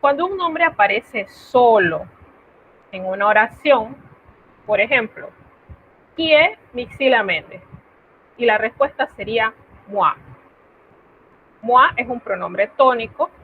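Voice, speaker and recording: A woman's voice: on the high side, expressive, takes it slowly, long pauses. A woman teaching French to her students in an online class, explaining patiently in Spanish and checking in with her students. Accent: Latin American Spanish. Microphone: video call. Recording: tinny phone-like line, faint noise.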